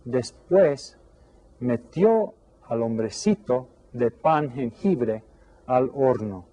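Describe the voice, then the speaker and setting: A man teaching a class, reading a story aloud in one language and translating each line into English, slowly and deliberately. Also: mid-range voice, animated, warm tone. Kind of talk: bilingual storybook read-aloud.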